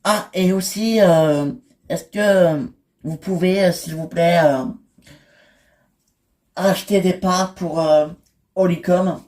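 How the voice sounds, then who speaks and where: A woman's voice: fairly low pitch, warm tone. A woman voicing a wealthy woman placing a hesitant phone order, in a toy-figure soap drama. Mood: polite. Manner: polite, halting.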